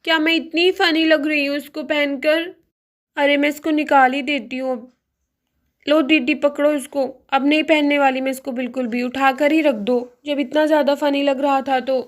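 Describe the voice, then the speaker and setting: A woman's voice: high-pitched, level tone, moderate pace, natural voice. A woman voicing a cheerful younger sister-in-law in a doll story, chatty and teasing toward her elder.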